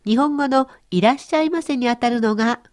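A woman's voice: a little high, brisk. A woman presenting a radio language lesson, explaining cheerfully. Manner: cheerful explaining, lively intonation. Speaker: language teacher.

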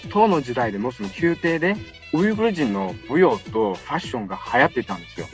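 A man's voice: medium pitch, very animated, fast talker, soft background music, low-quality recording. A young man from Xinjiang, China, giving a chatty public lecture and often turning to his audience with asides. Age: young adult.

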